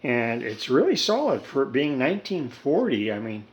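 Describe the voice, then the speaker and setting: A man in his seventies, a hobbyist radio restorer, walks through a hands-on repair in a casual, rambling, folksy way with dry humor. His mid-range voice moves at a moderate pace. The homemade video sounds muffled, with steady background noise.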